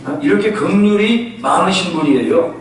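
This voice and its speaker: A male pastor preaching a sermon, telling stories in a lively way and acting out the voices of the people in them. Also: high-pitched, normal speed. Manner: animated storytelling, acting out quoted voices. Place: church sanctuary. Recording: echoey church hall from far off.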